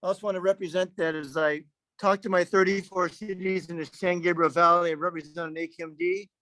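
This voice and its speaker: A man's voice: sits high, steady tone, a little fast, fairly bright tone, no echo, low-quality recording. A councilmember calling into a public meeting over a remote line that keeps breaking up. He repeats himself and keeps checking whether he can be heard. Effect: remote call audio breaking up. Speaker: city councilmember. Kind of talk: public meeting report by phone.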